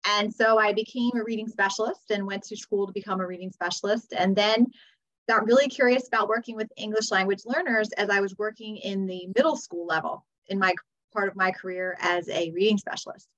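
American female podcast guest, forties, medium pitch, conversational storyteller, slightly dull recording. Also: fairly even intonation, brisk, fairly bright tone. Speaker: podcast guest, teacher and author.

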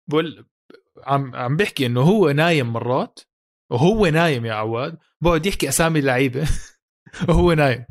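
A man with a Levantine Arabic accent and a medium-pitched voice co-hosts a football podcast. He tells stories in relaxed colloquial chat, repeating phrases to stress his points.

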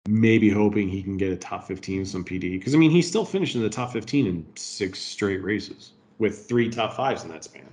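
A man with a somewhat low voice co-hosts a podcast, chatting casually about which drivers to pick. He has the hiccups and tosses in laughing asides. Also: animated, moderate pace, hardly any pauses, a little mellow. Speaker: podcast co-host. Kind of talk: casual sports betting chat.

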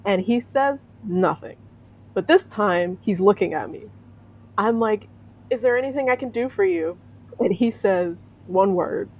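Woman storyteller, lively, acts out quotes; breathy tone, dull recording. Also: medium pitch, measured pace. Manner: animated, acts out quoted voices, laughs often. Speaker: storyteller, veterinary technician. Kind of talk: casual spoken storytelling.

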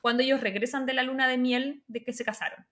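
A woman's voice: high-pitched, fairly even intonation, fast, a bit bright. A Chilean woman hosting a podcast in casual chat, slipping in English words now and then. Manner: chatty, mixes in English words. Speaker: podcast host. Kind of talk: casual chat about a film.

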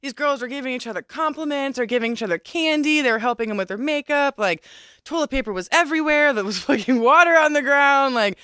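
A woman's voice: high voice, quick pace, sharp tone, no room sound, studio quality. A young woman chatting casually like a giddy party girl, sweary and gushing as she swaps stories. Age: young adult.

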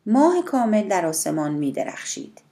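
Brief: female audiobook narrator, steady and measured, mid-pitched.

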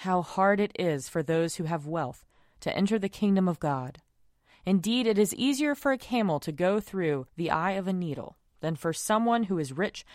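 Woman, lowish voice, dry close sound, liturgical reading, formal and measured, prayer leader. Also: a little mellow, dry recording.

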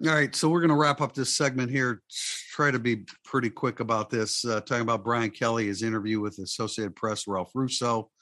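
Halting male sports talk host. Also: mid-range voice, fairly even intonation, bright, forceful tone, no echo. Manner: halting, many restarts, sarcastic asides.

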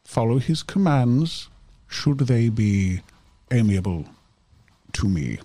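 A man voicing a lordly, possessive master in a tabletop game, with pompous, ornate and deliberate formal orders in a dark, creaky voice. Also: medium pitch, sing-song, no echo. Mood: imperious, courtly. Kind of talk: tabletop game role-play.

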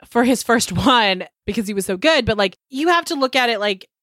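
A woman's voice: a little high, a little fast, no echo, clean studio sound. A woman podcast co-host with a nasal voice, stuffed up from a cold, chatting casually and telling stories with plenty of swearing. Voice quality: nasal, congested. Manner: sweary, animated storytelling with frequent chuckles. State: getting over a cold. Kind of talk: casual chat.

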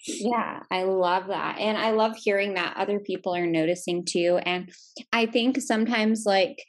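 Woman, fitness coach, casual chat, encouraging, upbeat, filler-heavy, mid pitch. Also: steady tone, normal speed. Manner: upbeat, encouraging, many fillers like "you know" and "like".

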